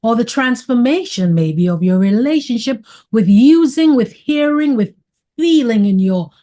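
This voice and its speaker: Mellow, emphatic woman. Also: on the high side, animated, a little slow. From Saint Kitts. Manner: emphatic, repeats phrases for effect; effusive, affirming. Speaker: podcast host. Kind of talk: reflective interview talk.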